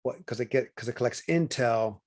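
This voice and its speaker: A man's voice: medium pitch, brisk, darkish tone. A man co-hosting a casual watch-party chat, rambling and stumbling over names, with plenty of "you know". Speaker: co-host.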